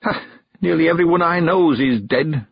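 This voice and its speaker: In an audiobook, a man performs a cheerful yet stubborn ninety-one-year-old rural man with a rustic dialect, his voice quavery, high and drawn-out. The tone is chatty, creaky and slightly rough. No room sound is present, and the highs are cut off.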